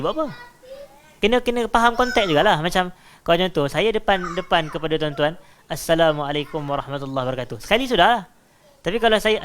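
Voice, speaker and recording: A man with a Malaysian Malay accent, a religious teacher giving a lecture on scripture. He recites Arabic verses slowly and explains them word by word, raising his voice for emphasis and then dropping it low. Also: slight background noise.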